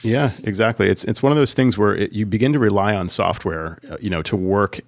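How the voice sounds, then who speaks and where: A low-voiced man talks shop on a podcast, rambling through a story with plenty of "um" and "you know." The recording is dry and close, with no room sound. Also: brisk, no room sound. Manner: rambling, many fillers and restarts. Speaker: podcast co-host, Apple consultant. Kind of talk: casual tech chat.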